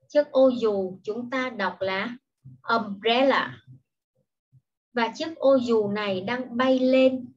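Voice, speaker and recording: In a dull, lo-fi recording, a primary school English teacher speaks to young children in a slow, patient online lesson. Her voice is fairly high, a little husky and darkish in tone, and she explains each word before saying the English carefully, often two times.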